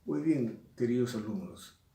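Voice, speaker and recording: Slow, patient male teacher. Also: mid-range voice, lively intonation, dark tone. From Peru. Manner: slow, repetitive explaining, stressing key words. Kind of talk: recorded lesson. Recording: echoey room, mic at a distance.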